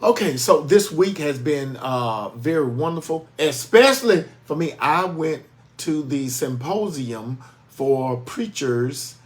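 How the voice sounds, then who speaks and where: Higher-voiced man, pastor co-host. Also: animated, slow pace. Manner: repeats phrases for emphasis. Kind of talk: informal reflective talk.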